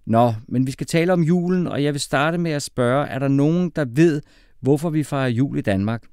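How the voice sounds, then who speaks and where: A man voicing an exasperated male schoolteacher who shouts and gets flustered. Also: on the high side, clear, resonant tone, dry recording, studio quality, pitched above the performer's own voice, close to an everyday voice.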